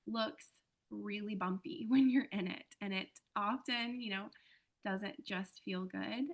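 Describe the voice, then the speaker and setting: A woman speaking as an interview guest, reflective and earnest, pausing often as she thinks aloud. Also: mid-range voice, fairly bright tone. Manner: earnest, thoughtful, many "um" and "like" pauses.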